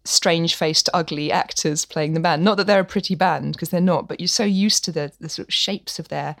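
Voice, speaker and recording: A woman's voice: on the low side, fairly quick, vocal fry, fairly bright tone, dry recording, studio quality. A woman co-hosting a culture podcast in casual chat, chatty and opinionated, laughing often. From England. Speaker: podcast co-host.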